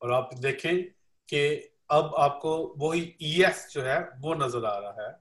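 A man's voice: on the high side, expressive, takes it slowly, a bit bright. Male interpreter in an echoey room. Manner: repeats each point, leans on filler "jo hai". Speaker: interpreter for the lesson. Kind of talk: live classroom interpretation.

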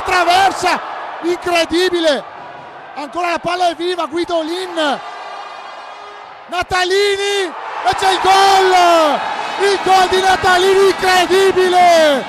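A man giving breathless, excited goal commentary as a futsal match commentator, shouting and repeating key words. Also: extremely high pitch. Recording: loud crowd noise in echoing sports hall. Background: crowd and bouncing ball in sports hall.

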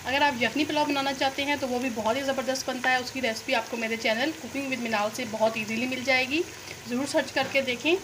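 A woman hosting a cooking channel, calmly explaining a recipe step by step in voice-over narration. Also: high-pitched, fairly quick. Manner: calm step-by-step instruction. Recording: noisy kitchen, sizzling pot.

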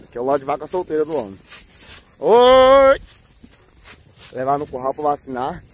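A man vlogging on a cattle farm, talking casually to viewers and breaking off to yell loud herding calls at the cows. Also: medium pitch, steady tone, rapid-fire, husky. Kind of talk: casual farm vlog narration. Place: outdoors on a cattle farm, by the corrals.

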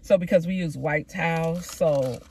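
A woman's voice: sits low, moderate pace, a little mellow, a little hiss or hum. A middle-aged woman, chatting upbeat into a phone camera from her parked car, with loose "so yeah" asides. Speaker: vlogger. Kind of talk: casual vlog chat. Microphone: phone camera on dashboard.

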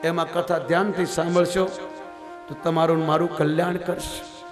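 A katha preacher delivers a devotional scripture discourse in a large religious gathering hall, telling stories, acting out the dialogue, and chuckling often. His voice is on the high side with little pitch movement and a moderate pace. The hall echoes and loud music plays in the recording.

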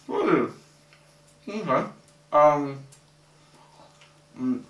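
A young man talking with his mouth full, mumbling a halting, rambling monologue muffled by food as he chews. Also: on the high side, animated. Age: young adult. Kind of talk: halting, rambling monologue to camera while eating. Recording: echoey room, distant microphone.

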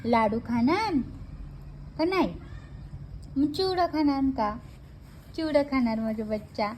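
A woman's voice: sits high, slow, darkish tone, a little hiss or hum. A mother cooing baby talk to her two little daughters, repeating each question in a sing-song way. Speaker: mother talking to her babies.

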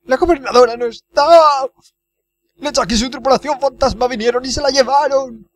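A man's voice: very high voice, normal speed, pitched above the performer's own voice. A man doing a wailing, self-pitying old cook. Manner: wailing, theatrical lament. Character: weepy self-pitying older male cook.

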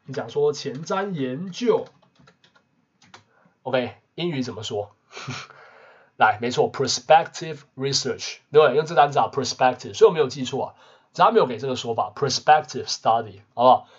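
A man teaching English vocabulary in a casual lesson, constantly adding quick tag questions. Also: mid-range voice, animated, husky. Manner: peppers talk with tag questions. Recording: muffled lo-fi recording.

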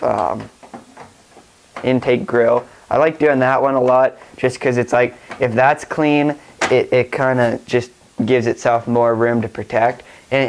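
A man's voice: medium pitch, poor audio. A young man with a stuffy nose from a cold, rambling casually through a tech vlog with lots of fillers and restarts. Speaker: tech vlogger.

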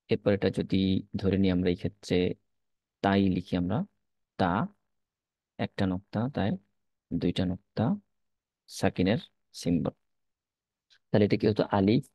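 A man's voice: low voice, flat delivery, moderate pace, pauses often, dark tone, dry recording. A man teaching an Arabic reading lesson, patiently explaining and repeating letter-by-letter drills.

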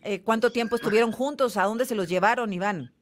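A woman's voice: fairly high pitch, brisk, a little hiss or hum. Sympathetic radio anchor woman. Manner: warm, empathetic, sympathetic interjections. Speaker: news anchor. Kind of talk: broadcast phone interview.

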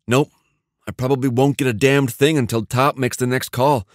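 A male narrator voicing a quick, chirpy male tech expert. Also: mid-range voice, fairly even intonation, dry recording, studio quality, voice pushed up, lightly acted.

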